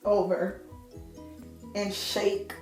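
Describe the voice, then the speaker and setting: A woman's voice: mid-range voice, little pitch movement, drawn-out words, darkish tone, reverberant, soft background music. A young woman vlogger giving a casual hair tutorial at home, chatty and playful, laughing at herself. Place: home room.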